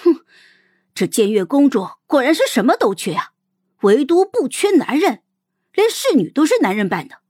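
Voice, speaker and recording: A woman voicing a proud, bitter young noblewoman who talks in a scornful, sharp way in an audiobook. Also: mid-range voice, sing-song, a little slow, long pauses, breathy edge, no echo, studio quality. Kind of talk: audiobook character voice.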